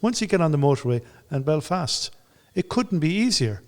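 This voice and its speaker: A man's voice: a little high, sing-song, normal speed, darkish tone. Enthusiastic Irish man, echoey hall. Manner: storytelling, acts out quotes, enthusiastic. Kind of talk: panel discussion. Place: old brewery building, large room.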